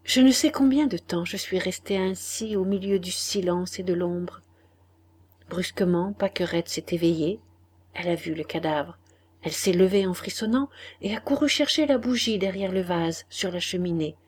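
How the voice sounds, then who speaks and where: A woman reading a classic novel aloud, measured and dramatic, sometimes dropping to a hush. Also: on the low side, slightly rough. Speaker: audiobook reader. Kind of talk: literary audiobook narration.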